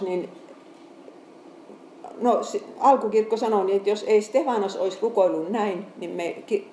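A woman preaching a sermon with Bible readings, earnest and conversational, often halting and restarting. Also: on the low side, dark tone, roomy sound, slight background noise, low-quality recording.

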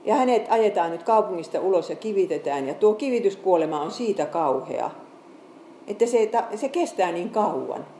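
A woman's voice: medium pitch, lively intonation, dark tone, slight background noise. Earnest woman preaching in an echoey room. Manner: earnest, conversational, with halting restarts. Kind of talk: sermon with Bible reading.

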